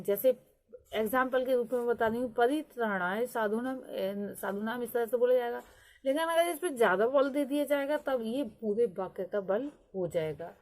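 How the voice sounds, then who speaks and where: A woman's voice: on the high side, darkish tone. A woman teacher giving a lecture, going through each point in turn and adding English terms as she explains.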